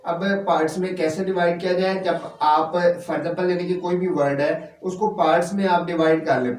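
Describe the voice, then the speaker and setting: A man's voice: sits high, darkish tone. A man gives a language lesson at a board, spelling words out letter by letter and slipping English terms into his patient explanations. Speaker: language teacher. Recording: echoey room, mic at a distance.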